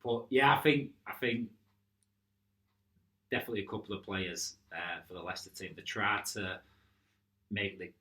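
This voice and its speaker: A man's voice: lowish voice, normal speed, long pauses, sharp tone. A man co-hosting a casual futsal podcast, agreeing often and recounting match incidents. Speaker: futsal club podcast co-host.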